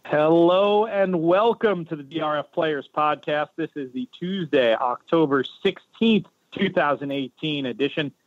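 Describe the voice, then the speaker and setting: A man's voice: fairly high pitch, a little slow, hardly any pauses, dry recording. Tinny-sounding man on a cell phone. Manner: chatty, rambling. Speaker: podcast host. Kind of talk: casual podcast talk. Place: home in a city neighborhood. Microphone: cell phone held to the head.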